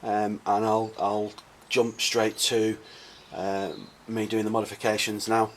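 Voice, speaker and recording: A man with a croaky voice, casually explaining a car modification for his vlog, thinking aloud with plenty of uhs and ums. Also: lowish voice, completely flat delivery, unhurried, a bit bright, slight background noise. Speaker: car modding vlogger.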